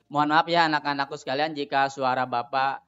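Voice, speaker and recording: A middle-aged man with a Sundanese accent, teaching a primary class in a recorded lesson and explaining a children's game slowly and patiently. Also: a little high, fairly bright tone, clean tone, lo-fi sound. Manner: explains slowly, switching between two languages, sings a children's song.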